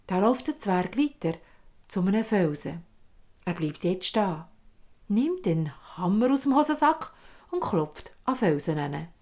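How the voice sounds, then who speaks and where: A woman with a Swiss German accent telling a fairy tale in a vivid, expressive way. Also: medium pitch, measured pace. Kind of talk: oral fairy-tale storytelling.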